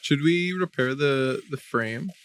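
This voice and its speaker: A man's voice: mid-range voice, takes it slowly, a bit bright, clean tone. A man chatting and joking with friends while playing a game, laughing often and teasing. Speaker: gamer. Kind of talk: casual gaming chat.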